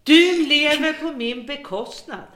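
A woman's voice: sits high, expressive. An actress playing a worn-out middle-aged woman who has become a bitter, vengeful captor, speaking in a brooding, resentful monologue. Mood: accusing. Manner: bitter, brooding monologue turning to hushed menace. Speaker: embittered former home care worker holding a captive. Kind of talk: radio drama acting.

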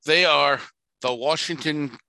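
A man's voice: on the high side, slow pace, creaky, pushed and bright, rough recording. A man co-hosting a podcast in casual chat, crude and joking, laughing often. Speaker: podcast co-host.

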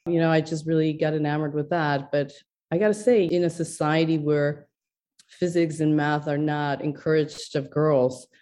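A woman's voice: sits low, fairly even intonation, normal speed, warm tone. A middle-aged woman from Ecuador, a neuroscientist, speaking thoughtfully in an interview with many fillers and restarts. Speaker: neuroscientist guest.

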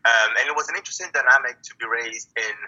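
Brief: male poet guest from Italy, bright raspy tone, reflective and halting, lo-fi call sound. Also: medium pitch. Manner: reflective, halting, many restarts and fillers. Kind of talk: casual interview talk.

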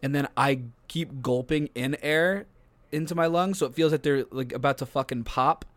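A man's voice: on the high side, normal speed, no echo. A young man co-hosting a football podcast, talking in a loose, rambling, profane way while getting over hiccups. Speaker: podcast co-host. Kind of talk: casual chat.

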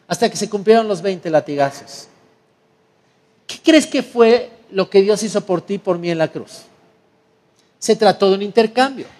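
Man, preacher, high voice, storytelling sermon, acts out scenes. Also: normal speed, pauses often, darkish tone, big-room sound. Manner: vivid storyteller acting out scenes.

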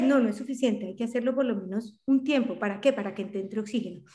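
A middle-aged woman psychologist explains things step by step in a conversational interview, speaking earnestly and often restarting her sentences. Her fairly high voice carries a roomy echo.

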